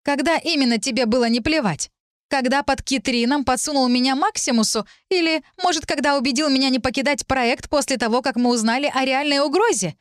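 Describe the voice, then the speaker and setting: Woman voicing a furious young heroine, high and shrill. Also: expressive, fairly quick, few pauses, no echo, clean studio sound, lightly acted. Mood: furious shouting. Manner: shouting accusations, sarcastic.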